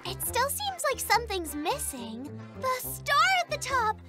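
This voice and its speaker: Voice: very high voice, huge pitch swings, unhurried, loud music behind the voice, full character voice. An actor voicing a curious, sweet young female fox in a cartoon, chirpy and inquisitive. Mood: cheerful. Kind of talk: cartoon voice acting.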